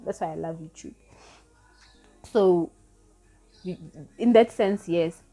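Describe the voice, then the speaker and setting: Taking her time, a spiritual vlogger in her thirties speaks in a low-sided, dark-toned voice over soft background music. Not a native English speaker, she gives sincere, wandering spiritual advice in a casual vlog and often corrects herself as she goes.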